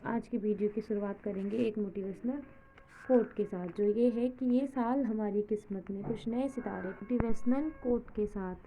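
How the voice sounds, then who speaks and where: A woman's voice: mid-range voice, normal speed. A woman presenting a vlog as a teacher, addressing her viewers directly. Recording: tinny phone-like sound, faint noise.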